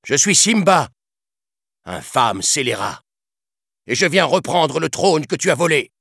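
A man voicing a brave young male lion who is claiming his throne in a storybook, lifted high above his own deep voice. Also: big pitch swings, measured pace, gravelly, a bit bright, no room sound, studio quality, heavily acted. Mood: defiant.

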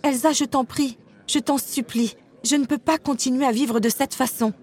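A woman voicing an eager, impulsive young princess in a storybook reading, with a bright pleading delivery. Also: high voice, moderate pace, pitched above the performer's own voice. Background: music.

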